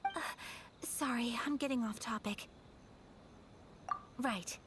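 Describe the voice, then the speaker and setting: An actress playing a polite, modest young noblewoman in a video game, speaking in a formal, gentle and measured way. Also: on the high side, background noise. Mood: modest, earnest. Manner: formal, measured, softly courteous. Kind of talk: video game character acting.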